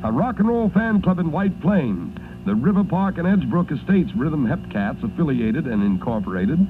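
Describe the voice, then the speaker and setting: Casting: American male 1950s radio DJ reading dedications, animated intonation, noisy vintage broadcast sound. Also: a little high, moderate pace, narrow, tinny audio. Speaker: radio disc jockey.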